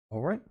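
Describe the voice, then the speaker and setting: A man hosting an investing livestream, reading news items aloud and then chatting loosely about them with asides and small chuckles. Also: a little mellow. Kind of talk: casual live-stream commentary.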